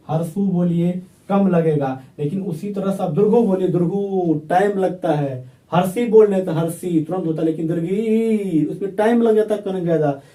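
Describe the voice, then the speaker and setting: A man's voice: on the high side, warm tone, distant mic. A male teacher, giving a grammar lesson and drilling his students by asking questions and answering them himself. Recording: echoey room, voice from off-mic.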